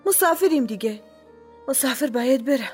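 A woman voicing a determined, protective middle-aged village mother in a storybook reading, with a raised, lively voice. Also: sits high, soft background music, voice pushed up. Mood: wary. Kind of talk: storybook narration.

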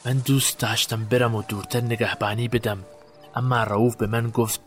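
An actor playing a guilt-haunted man recalling a night burial, in a halting, haunted way. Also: mid-range voice, flat delivery, faint music behind, close to an everyday voice. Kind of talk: audio drama acting.

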